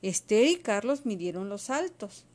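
A woman reading a children's storybook aloud to a child, expressive and patient. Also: mid-range voice, a little slow.

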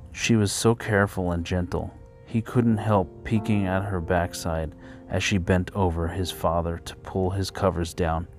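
A man narrating a story in a steady, even reading voice, over faint background music. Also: low-pitched.

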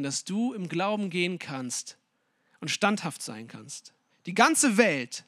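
A man preaching a sermon, speaking emphatically with strong swings in loudness and putting questions straight to his listeners. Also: high-pitched, no room sound, studio quality. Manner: addresses listeners directly with questions.

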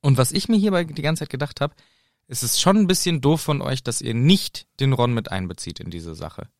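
Lively German man chatting casually. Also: medium pitch, fairly quick, dry recording, studio quality. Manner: animated, jokey. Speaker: podcast co-host. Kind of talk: casual chat retelling a book.

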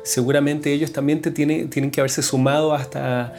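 A man with a voice pitched a little higher than most men hosts a friendly conversation. He asks curious follow-up questions and affirms his guest's points. Faint guitar music plays behind him. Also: little pitch movement, fairly quick, a little mellow. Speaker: interview host. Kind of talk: conversational interviewing.

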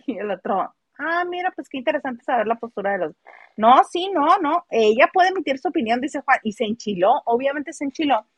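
A woman with a Mexican accent dishes gossip in a loose, animated chat, slipping into other people's voices as she retells scenes. Her voice sits a bit high. The sound is close and dry, with no room around it. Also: normal speed, no room sound. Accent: Mexican Spanish. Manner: animated, mimics people in quotes. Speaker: host.

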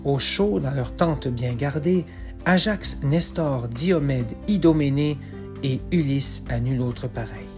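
A man narrating a rhymed epic tale in a slow, measured, rhythmic way. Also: medium pitch. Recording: soft music underneath.

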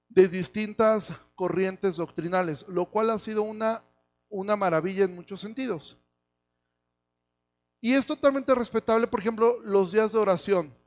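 A male pastor with a Mexican Spanish accent preaching a sermon, speaking directly to the congregation and swelling into loud exhortations. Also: high voice. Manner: conversational preaching, addresses listeners directly, rising to loud exhortation.

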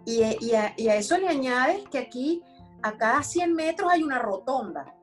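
A woman, a podcast guest, telling stories in an animated way and repeating words for emphasis. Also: sits high, normal speed, faint music behind. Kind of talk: casual storytelling chat.

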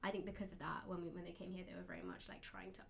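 Fast-talking young woman, gravelly, flat. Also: fairly low pitch, slight background noise. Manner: reflective, many fillers like "like" and "um". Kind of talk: casual conversation.

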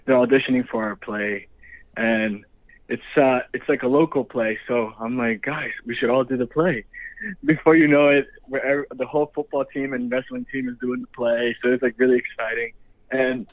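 A man's voice: mid-range voice, fairly even intonation, normal speed, dry recording. A young man from the Dominican Republic, a guest actor chatting casually, laid-back and laughing often. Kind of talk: casual interview. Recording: tinny phone line.

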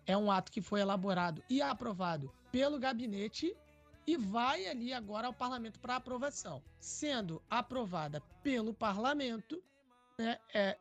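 A man's voice: high-pitched, gravelly, breathy edge. A Brazilian man co-hosting a podcast, discussing news casually and hesitantly, with many fillers. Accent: Brazilian Portuguese. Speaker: podcast co-host.

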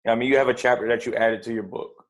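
A man's voice: mid-range voice, steady tone, quick pace, low-quality recording. A man co-hosting a casual podcast, speaking in an encouraging, affirming way. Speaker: podcast co-host.

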